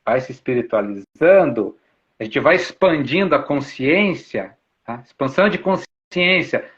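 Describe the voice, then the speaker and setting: A man's voice: mid-range voice, animated, a little slow, a bit bright. A man giving an informal spiritual talk, explaining patiently and repeating himself, with frequent tag questions. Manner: repetitive, explanatory, uses many tag questions. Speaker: spiritual speaker. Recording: dull lo-fi sound.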